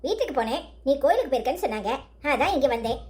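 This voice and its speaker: A woman's voice: high voice, very animated, rapid-fire, a little mellow. A woman voicing an impatient grown daughter snapping back at her mother in a cartoon story. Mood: irritated. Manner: snappy, defensive.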